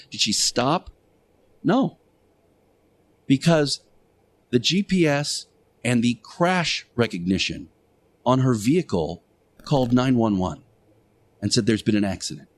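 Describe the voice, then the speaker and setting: A man playing Jesus Christ as an earnest, admonishing radio teacher, delivering a moral monologue with emphatic, deliberate pauses. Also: mid-range voice. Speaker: radio show host.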